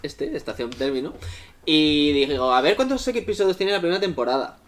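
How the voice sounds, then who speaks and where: A man with a Spain Spanish accent co-hosts a studio podcast. His voice sits a little high, and he jokes and rambles as he goes. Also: expressive, brisk. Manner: joking, rambling, laughs often. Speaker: podcast co-host. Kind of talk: casual podcast chat. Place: studio with live audience.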